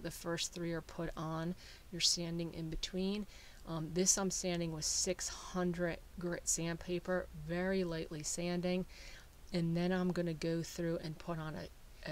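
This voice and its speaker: A woodworking channel host talking through a how-to in a relaxed, explanatory voice-over with frequent fillers. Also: mid-range voice, a little hiss or hum. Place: small woodworking shop.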